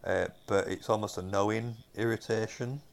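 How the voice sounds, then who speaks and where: A young man with a Northern English accent, his voice low and full of gravelly fry. He talks casually about television, wandering through his points with frequent ums and self-corrections. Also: steady tone, moderate pace. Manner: rambling, many fillers and restarts. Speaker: podcast co-host. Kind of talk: casual chat reviewing TV episodes.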